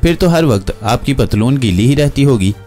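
A man's voice: mid-range voice, expressive, moderate pace, mellow, faint music behind, voice pushed up, lightly acted. A man voicing a young male prisoner who stammers and speaks in an innocent-sounding tone. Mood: mock innocent. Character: meek-seeming young man prisoner, sly underneath.

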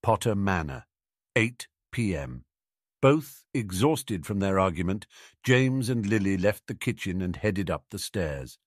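A man narrating a fan-fiction audiobook with expressive storytelling. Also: low-pitched, a little slow, no echo, clean studio sound.

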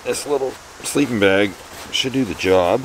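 A man's voice: mid-range voice, measured pace, noisy background. A man in his forties filming a casual camping vlog outdoors in the woods, talking to a nearby camera with dry, wry asides. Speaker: camping vlogger. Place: woods at night and morning, outdoors.

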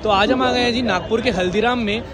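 A man's voice: very high-pitched, fast talker, over a noisy crowd. A young man casually vlogging about a restaurant, chatty and upbeat, asking staff questions on a phone camera. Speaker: food vlogger. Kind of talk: casual food vlog. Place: busy city street outside a railway station and inside a restaurant. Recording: crowded street noise behind.

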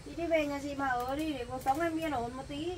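A woman's voice: high voice, steady tone, fairly quick, far from the mic, slight background noise, close to an everyday voice. A woman playing an exasperated young woman. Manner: pleading, exasperated. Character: weary young woman pleading with her sister to leave. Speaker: actor in a family skit.

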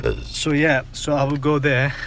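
A man in his thirties talks to a phone held at arm's length, rambling through fillers and restarts. His voice stays flat and even in pitch. Street and car noise comes through clearly behind him. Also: moderate pace. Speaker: vlogger. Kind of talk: casual vlog to camera. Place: outdoors on city streets, partly in a car.

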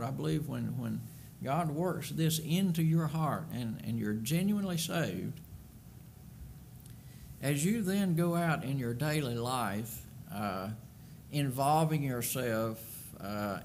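Preaching from a wooden pulpit in a church sanctuary, an older man speaks with a creaky, medium-pitched, somewhat dark voice. He is earnest and emphatic, frequently repeating words as he builds toward a point. The pulpit microphone picks up slight background noise.

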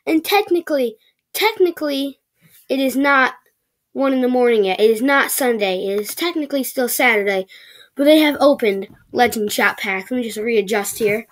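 A woman giving excitable, chatty commentary while opening packs in a video game, often stammering. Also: fairly high pitch, normal speed. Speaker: gaming video creator. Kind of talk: casual gaming commentary.

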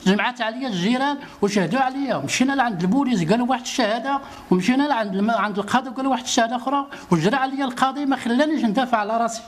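A man's voice: extremely high pitch, rapid-fire. A man with a Moroccan Arabic accent, a citizen pleading for help in a street interview and repeating his grievances insistently.

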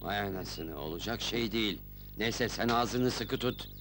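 An actor playing a calm, shrewd village headman in an old Turkish film, measured and reassuring. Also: fairly low pitch, background noise, natural voice. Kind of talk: 1980s Turkish film acting.

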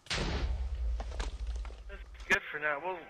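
A man's voice: on the high side, steady tone, slow pace, pushed and bright. A man chatting easily with friends while playing a block-building game, ribbing them as they go. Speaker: let's play gamer. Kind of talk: casual gaming chat.

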